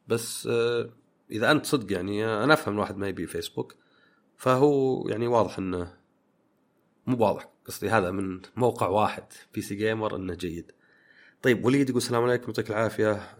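A man's voice: lowish voice, racing. A man hosting a podcast, chatting casually and reading listener questions, rambling with many fillers. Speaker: podcast host.

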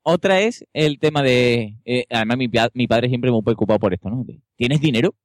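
Casting: man, lively co-host, mid pitch, dry close-miked voice. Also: fairly quick, no echo. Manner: animated storyteller, keeps asking ¿vale?. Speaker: podcast co-host. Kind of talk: casual chat.

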